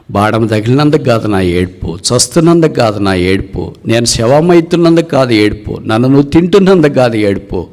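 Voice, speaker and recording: A man voicing a proud fallen eagle, the king of birds, lamenting in cries that climb high as part of a sermon story. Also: in a large hall. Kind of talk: dramatic story within a sermon.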